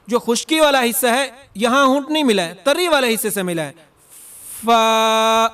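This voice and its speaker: A man teaching Quran reading in a lesson, slow and deliberate, drawing out letter sounds to demonstrate them and firmly correcting common mistakes. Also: very high-pitched, a bit bright.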